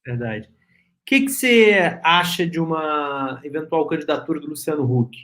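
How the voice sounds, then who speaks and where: A man working as a journalist, asking brief, measured interview questions. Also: fairly high pitch, expressive, fairly bright tone.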